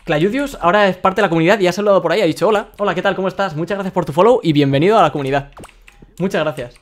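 A young man with a Spain Spanish accent hosts a live game stream, reading viewer messages aloud. He talks very quickly in a slightly high voice, excitable and quick to laugh. He often stumbles and repeats words as he goes.

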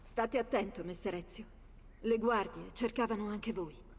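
An actress playing a distressed, loyal household servant with a husky voice in dramatic game dialogue. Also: female voice, medium pitch, a little slow, long reverb tail. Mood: worried, urgent.

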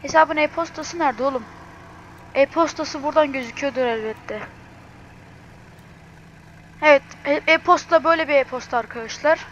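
Telaşlı, yüksek sesli genç kadın. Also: female voice, high voice, a bit bright, highs cut off, slight background noise. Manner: hurried, distraught, swears oaths. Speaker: mobile car game channel host. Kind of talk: gaming screen-recording vlog.

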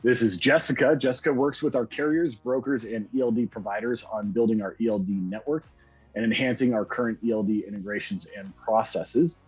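Man in his thirties, interview host, upbeat, husky tone, dull lo-fi webcam sound. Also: medium pitch, brisk, soft background music. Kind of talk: scripted company video interview.

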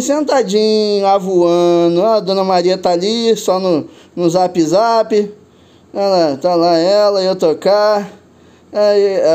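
Excitable grandfather with a Carioca accent. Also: sits high. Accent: Carioca Portuguese. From Rio de Janeiro, Brazil. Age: older. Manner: excitable, laughing, slangy, calls out to viewers. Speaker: drone vlogger. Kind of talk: casual vlog narration.

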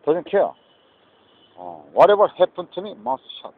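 A man's voice: sits high, big pitch swings, very slow. A man talking in a rambling, repetitive monologue, mixing Korean and English, recorded outdoors near a street. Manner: mixes Korean and English, repetitive, agitated asides. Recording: tinny phone-like audio with faint noise.

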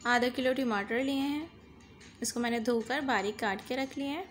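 On a cooking channel, a woman with a slightly high, somewhat bright voice talks at a moderate pace over soft background music. She narrates a recipe step by step, walking viewers through every stage. Her manner is instructive, and she keeps saying "dekhiye" to guide them.

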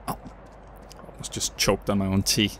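A young adult from Denmark with a Danish accent and a voice on the low side, slightly bright, does let's play commentary as a gaming YouTuber. Indoors at his home gaming setup, he jokes and teases himself while playing. A little hiss or hum is audible.

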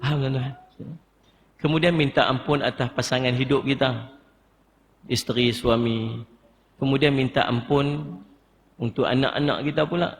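A man's voice: medium pitch, fairly even intonation, normal speed, pauses often, big-room sound, slight background noise. A man with a northern Malay Kedah accent giving an emotive religious lecture in a mosque, coaxing his audience. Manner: emotive, coaxing, acts out tearful pleading prayers. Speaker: religious teacher. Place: mosque hall.

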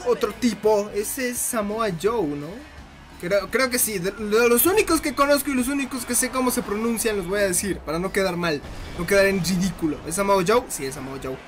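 A man giving casual gameplay commentary, excitable, laughing often and shrieking when hit. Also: high voice, brisk, faint music behind. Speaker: gaming commentator.

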